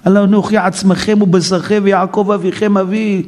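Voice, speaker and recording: A man's voice: sits high, level tone, darkish tone, voice pushed up, close to an everyday voice. A man doing a young man begging from a pit. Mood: beseeching. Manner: tearful, begging.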